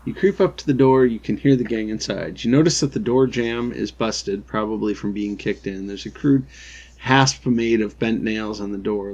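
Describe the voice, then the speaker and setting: A man with a husky voice casually commenting on a game and reading its text aloud. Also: fairly low pitch, a little mellow, muffled recording. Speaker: game co-player.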